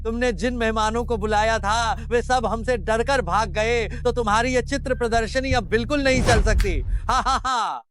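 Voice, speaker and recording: A man's voice: extremely high pitch, steady tone, moderate pace, few pauses, fairly bright tone, faint music behind. A man voicing an arrogant, crude male village head who sneers and threatens in a dubbed drama. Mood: gloating.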